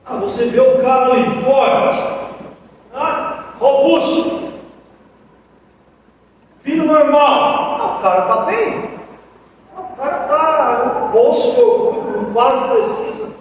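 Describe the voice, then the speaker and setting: A man preaching a sermon as pastor, impassioned, swinging between loud cries and hushed pleas. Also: very high-pitched, animated, slow, long pauses, distant mic, a little hiss or hum. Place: church sanctuary. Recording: echoey church hall, mic heard from afar.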